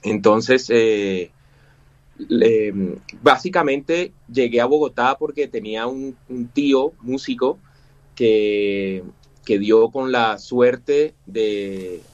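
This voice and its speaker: Muffled audio carries the slow, mid-range, darkish voice of a forty-something Cuban musician being interviewed. His speech is halting, packed with fillers and restarts.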